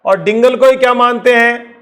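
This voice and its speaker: A male teacher with a Rajasthani accent giving an exam-prep lecture, explaining slowly, repeating key points and answering his own questions. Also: extremely high pitch, fairly even intonation, a bit bright.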